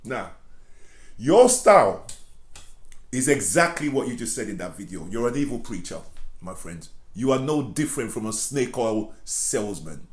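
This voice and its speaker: A man's voice: lowish voice, lively intonation, normal speed. A man giving impassioned online commentary, speaking directly to the person he criticizes and repeating phrases for emphasis. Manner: confrontational, addresses his target directly, repeats phrases. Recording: roomy echo.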